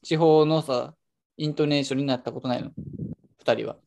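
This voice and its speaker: A man's voice: mid-range voice, fairly even intonation, brisk, creaky, a little mellow, a little hiss or hum. A young man chatting playfully and teasingly as a podcast co-host. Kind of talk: casual chat.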